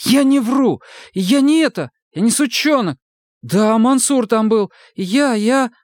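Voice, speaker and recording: A man's voice: very high-pitched, expressive, no room sound, studio quality, pitched above the performer's own voice, heavily acted. A man voicing a frightened young male army recruit who squeals and pleads breathlessly. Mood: frightened pleading. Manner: squealing, breathless, talking fast in panic.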